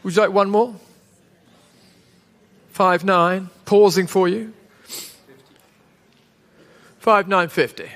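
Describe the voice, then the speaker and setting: A man with a fairly high voice works as an auctioneer, calling bids to a saleroom. He repeats each figure and politely coaxes bidders for one more. His voice rings with the long reverb of a big hall. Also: fairly even intonation, takes it slowly, pauses often, fairly bright tone. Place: large indoor auction saleroom.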